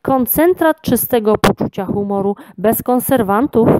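A pushy man in yellow boots pitching his goods in a children's story, read by a woman. He talks slowly and warmly like a salesman. The recording is dry. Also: expressive, dry recording. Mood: salesy. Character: chuckling salesman gardener, pushy. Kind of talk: storybook reading.

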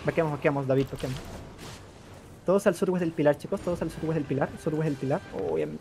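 Guy rattling off raid calls super fast, repeats everything, faint noise behind. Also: a little high, vocal fry. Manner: rapid repetitive commands. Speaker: raid caller. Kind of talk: shouted battle commands over voice chat.

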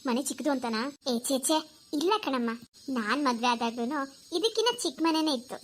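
A woman's voice: high voice, expressive, a little fast, a little hiss or hum. A woman voicing a kind but scolding middle-aged mother in a cartoon, with a soothing yet firm way of talking. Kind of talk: cartoon voice acting.

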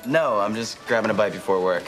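A young actor with a lowish, natural voice plays a short, earnest teenage boy in a sitcom, speaking fairly quickly and sounding a bit hesitant and touchy. Loud audience laughter and music from the TV laugh track fill the background.

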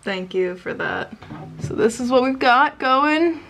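A woman's voice: high-pitched, animated, unhurried, creaky, over music. A young woman chatting casually in a vlog, laughing often and joking sarcastically at herself. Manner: giggly, self-mocking, sarcastic. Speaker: vlogger.

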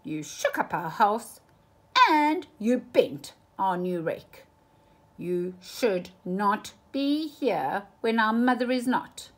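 A woman's voice: mid-range voice, lively intonation, slow pace. A woman voicing a small, indignant pet fish from a storybook, fussy and bossy, scolding emphatically.

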